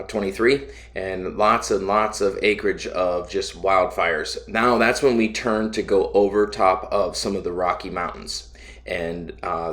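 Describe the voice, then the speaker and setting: A man with a low-pitched voice narrates a trip he flew as pilot. He talks casually and without a script, in a plain-spoken, halting way, feeling for his next phrase. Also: a bit bright. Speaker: pilot narrating his own flight video. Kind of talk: casual unscripted travel narration.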